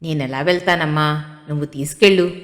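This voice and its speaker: A woman voicing an anxious older mother who speaks softly and coaxingly, heard with a long hall reverb. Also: medium pitch, brisk, voice pushed up, close to an everyday voice. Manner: soft, coaxing.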